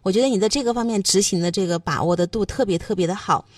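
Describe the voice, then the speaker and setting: A woman's voice: mid-range voice, fast talker, no echo, distant mic. A woman hosting a parenting talk, asking questions and then summing up her guest's points. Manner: reflective, sums up and praises. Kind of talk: interview, casual conversation.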